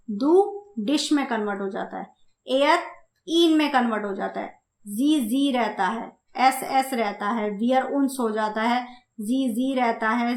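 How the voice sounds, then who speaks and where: A woman teaching German grammar in Hindi, speaking slowly, repeating points and asking her students questions. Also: a little high, reverberant. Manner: slow, repeats and asks the class questions. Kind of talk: grammar lesson explained in Hindi.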